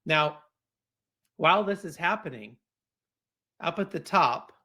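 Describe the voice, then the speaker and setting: A man giving a keynote talk to an audience, telling a personal story in a lively way with some fillers and restarts. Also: fairly high pitch, slow pace. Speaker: keynote speaker.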